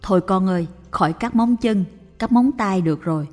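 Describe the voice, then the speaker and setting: A woman voicing a quiet, firm old mother. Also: mid-range voice, moderate pace, natural voice. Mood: gentle. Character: frail elderly mother, calm and firm. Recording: long reverb with faint music.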